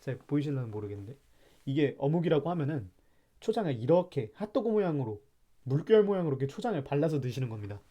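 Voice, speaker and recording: A man's voice: on the high side, big pitch swings, fast talker, warm tone. A man from Chungcheong, South Korea, hosting a live stream and ranting about food in a playful, mock-serious way while reacting to chat.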